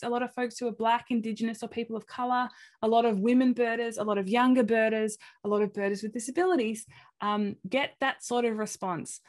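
Aussie woman giving a webinar talk on a webcam, kinda high voice, acts out little quotes. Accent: Australian. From Australia. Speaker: presenter of an inclusion talk. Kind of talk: webinar presentation.

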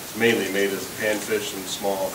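A man's voice: fairly low pitch, little pitch movement, moderate pace, distant mic. A man in his thirties walks through how his fishing gear works, explaining step by step and often restarting his sentences. His voice carries a roomy echo, picked up from a camera across the shop with a faint hiss underneath. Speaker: fishing tackle presenter. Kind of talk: casual product demonstration. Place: indoor tackle shop.

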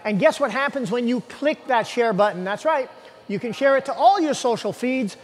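A man in his forties talks the viewer through the day's workout with a very high, upbeat voice. He speaks brisk and plain, like a coach who wants you moving. The lapel mic picks him up in a large indoor gym, and a long reverb trails his words. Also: lively intonation. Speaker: fitness coach host. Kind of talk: workout instruction to camera.

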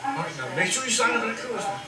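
A man's voice: sits high, sing-song, very fast, reverberant, recorded from a distance, over loud music. An older man telling old stories with chuckles in casual family storytelling, heard on an old home VHS tape. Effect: old home VHS tape sound. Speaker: older relative reminiscing. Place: home living room at a family party.

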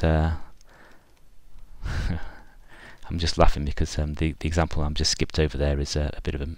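Very deep-voiced man demoing software. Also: dry recording. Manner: thinking aloud with fillers and restarts. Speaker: software developer giving a screencast demo. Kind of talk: unscripted screencast walkthrough.

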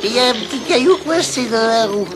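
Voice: medium pitch, animated, fast talker, background noise, lightly acted. A performer in a French cartoon dub voicing a clumsy, eager, overgrateful little male creature with a hesitant, stammering delivery. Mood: cheerfully helpful. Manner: hesitant, stammering, insistently helpful.

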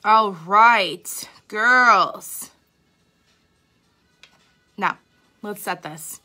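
A young woman talks through a makeup routine in a loose, candid way, full of "like" and "um." Her tone is bright and clear, but she sounds a little sleepy and tired. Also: mid-range voice. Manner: chatty, candid, self-deprecating, lots of fillers. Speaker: makeup artist. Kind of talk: casual live makeup tutorial.

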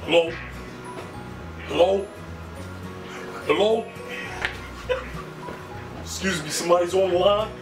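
A man's voice: high-pitched, slow, long pauses. A young man making casual prank calls and bantering with friends. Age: young adult. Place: small living room. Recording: roomy, distant camera sound, music.

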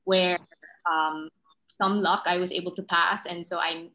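A woman's voice: lowish voice, flat delivery, unhurried, sharp tone, rough recording. A young woman, a guest speaker talking casually about herself from home over a video call, friendly and a little self-conscious. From Philippines. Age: young adult. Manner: friendly, slightly self-conscious, many ums. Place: dim room at home, indoors. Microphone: laptop mic on a video call.

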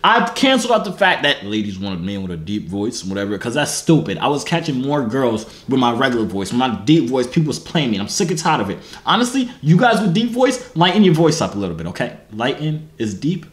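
Animated young American man, echoey room. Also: medium pitch, brisk, hardly any pauses. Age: 20s. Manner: animated, slangy. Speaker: video host. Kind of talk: casual vlog chat. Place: indoor home gym, seated before camera. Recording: echoey room, clear background noise.

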